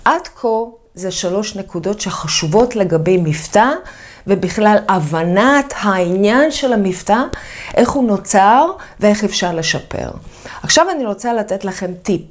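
A woman who teaches English, giving a video lesson about accent in a lively, emphatic way and repeating her key points. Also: medium pitch.

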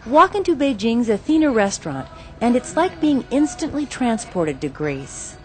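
A woman TV reporter narrating a news feature in a bright, scripted way and chatting with diners on camera. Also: fairly high pitch, very animated, normal speed, faint music behind, low-quality recording.

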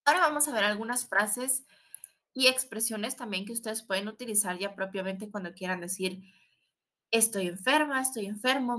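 Bright-voiced woman teaching English. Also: medium pitch. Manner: explains in Spanish, models English words slowly, adds tag questions. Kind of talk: recorded online language lesson.

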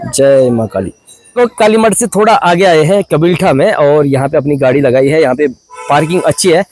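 A man's voice: on the high side, lively intonation, normal speed, a little mellow, no echo. A young man from Uttarakhand narrating a casual travel vlog outdoors, chatty as he points things out to viewers. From Uttarakhand, India. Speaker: vlogger. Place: outdoors at hill temples and a riverside.

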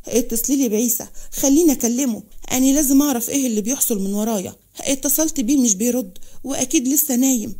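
A woman's voice: sits high, quick pace, warm tone. A woman with an Egyptian accent voicing an anxious young sister who pleads.

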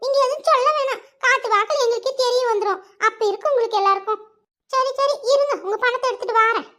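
A woman's voice: very high-pitched, quick pace, bright, forceful tone. A woman voicing a nosy, gossiping young village woman in a cartoon, who talks in a coaxing, prying way. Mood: placating. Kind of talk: cartoon voice acting.

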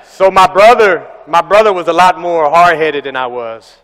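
A young man preaching a sermon as pastor, animated and telling stories with acted-out voices. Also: fairly high pitch, normal speed. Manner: animated storytelling, acting out voices. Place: large church hall. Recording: echoey church hall.

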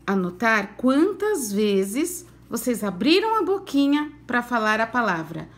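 A Brazilian woman teacher leads a recorded lesson for small children. Her speech is slow and unhurried, and her voice sits a little high and rises and falls in a lively, sing-song way as she coaxes them along. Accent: Brazilian Portuguese. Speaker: primary school teacher.

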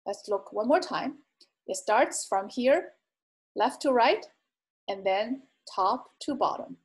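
Slow, patient woman teaching words. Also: a little high, expressive. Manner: patient, repeats each word twice with careful tones. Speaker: Chinese language teacher. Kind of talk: slow explanatory lesson narration.

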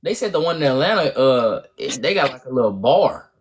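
On a TikTok livestream, a young Midwestern American co-host from Gary, Indiana, keeps the chat casual, teasing and slangy in a relaxed manner. He speaks fairly quickly at medium pitch in a sing-song way, with crowd noise in the background.

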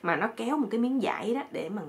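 A woman telling a comic story in a lively, chatty way full of exclamations. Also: a little high, fast, noisy background.

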